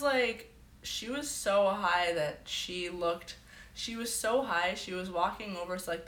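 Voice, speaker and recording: A woman's voice: medium pitch, a bit bright, roomy sound. A woman hosting a casual livestream from her bedroom, telling stories in a chatty way full of "like". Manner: chatty storyteller, heavy "like" filler. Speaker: livestream host.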